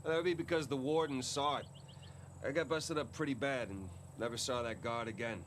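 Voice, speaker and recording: An actor playing a joking, easygoing middle-aged ex-con treasure hunter in video game dialogue. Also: male voice, mid-range voice, brisk, background noise, close to an everyday voice. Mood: wry.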